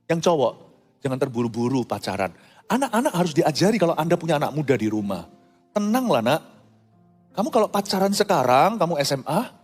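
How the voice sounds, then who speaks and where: A male preacher with a fairly high voice that leaps up and drops low as he delivers his sermon. He mixes loud, playful exclamations with quiet asides. He sounds like he is in a big hall with a long echo and faint music underneath. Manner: playful, mixes in English words.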